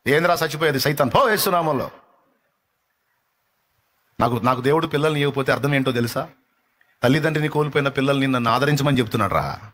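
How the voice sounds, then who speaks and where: A male pastor preaching a fiery live sermon, exhorting and rebuking with rapid repetitions. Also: mid-range voice, fairly bright tone. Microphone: live-stream microphone.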